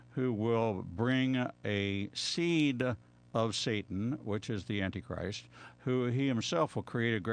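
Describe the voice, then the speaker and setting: Low-voiced man teaching emphatically. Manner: emphatic, declarative, with repeated words. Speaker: rabbi answering callers on radio. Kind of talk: extemporaneous biblical teaching.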